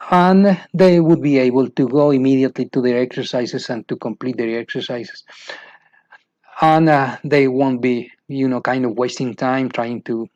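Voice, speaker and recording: This is an instructional talk to teachers: a Spanish-speaking man from Mexico with a Mexican accent explains an English method, repeating himself and regularly asking "you know why?" with rising emphasis. His mid-range voice has a darkish tone, and the recording is dry and muffled.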